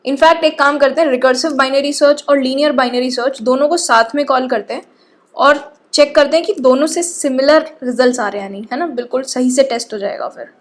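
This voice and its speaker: A woman with a high voice gives a coding lecture. She walks through each step patiently and keeps checking that her listeners follow along. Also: brisk. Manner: explains patiently, often checks in with "ठीक है". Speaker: programming teacher.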